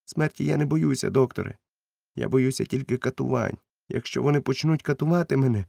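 A man's voice: mid-range voice, brisk, gravelly, warm tone, no echo, studio quality, voice pushed up. A man voicing an honest boy who pleads earnestly, in a storybook reading. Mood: pleading.

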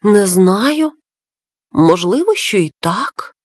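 A woman's voice: high-pitched, very animated, slow pace, a little mellow, no echo, exaggerated voice. A woman voicing a knowledgeable male dove who patiently explains things to his friend. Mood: explaining.

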